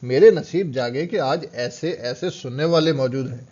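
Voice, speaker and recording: A man voicing a scheming, coaxing female courtesan hostess in an audiobook, speaking loudly and pleadingly. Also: mid-range voice, lo-fi sound, natural voice.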